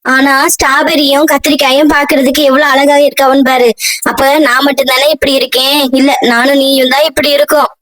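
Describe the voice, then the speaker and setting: A woman's voice: high voice, little pitch movement, a little fast, a crowd in the background, lightly acted, low-quality recording. A woman voicing a self-pitying onion who feels unloved, in a cartoon. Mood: sulky. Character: sad onion, feeling unloved.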